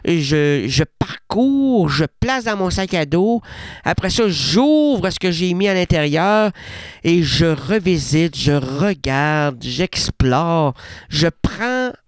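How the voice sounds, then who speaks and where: A man's voice: on the high side, very animated, takes it slowly, clear, resonant tone, dry recording, clean studio sound. A man with a Québécois accent, a radio host, delivering a surreal comic monologue in a playful, rambling way full of wordplay and restarts. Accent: Québécois French. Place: radio studio.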